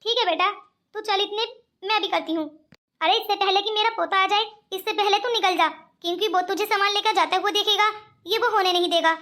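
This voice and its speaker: Woman doing a high, bright-voiced scheming cartoon granny, coaxing. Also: steady tone, brisk. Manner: coaxing, calls others 'beta'. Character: scheming rich old grandmother. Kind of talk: cartoon voice acting.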